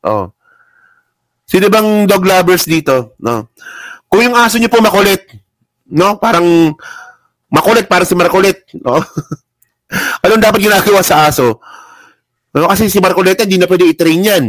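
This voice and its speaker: A man's voice: high-pitched, lively intonation, normal speed, pauses often, a bit bright, no room sound, poor audio. A man hosting a casual political commentary livestream, mocking and laughing often as he reads headlines aloud. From Philippines. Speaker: political vlogger. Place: indoors at a laptop.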